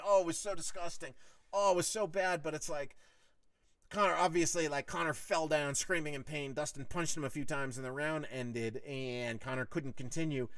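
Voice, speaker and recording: A man's voice: mid-range voice, dry recording, studio quality, distant mic. A man hosting his own podcast, rambling casually with heavy swearing and lots of fillers. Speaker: podcast host.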